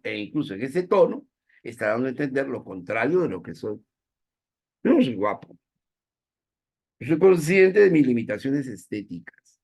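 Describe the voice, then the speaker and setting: Playful teacher. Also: male voice, medium pitch, creaky, a little mellow, slightly rough. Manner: playful, self-mocking, asks the class questions. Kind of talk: classroom lecture.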